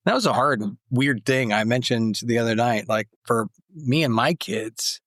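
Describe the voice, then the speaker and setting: A man's voice: mid-range voice, expressive, normal speed, a bit bright, dry recording, clean studio sound. A middle-aged man co-hosting a podcast, talking in an easygoing, chatty way. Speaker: podcast co-host. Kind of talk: casual chat.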